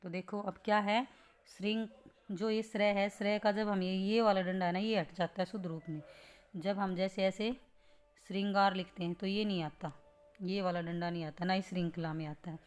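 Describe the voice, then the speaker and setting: A woman's voice: mid-range voice, fairly even intonation, moderate pace, smooth, faint music behind. A woman teaching a grammar lesson on correct spelling, explaining patiently step by step and asking rhetorical questions as she goes. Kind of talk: spelling lesson for exam students.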